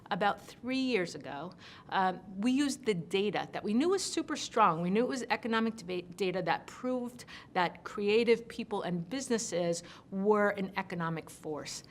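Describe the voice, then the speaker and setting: A woman's voice: lively intonation, normal speed. A woman giving an interview testimonial, explaining things in an unscripted way. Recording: clear background rumble noise.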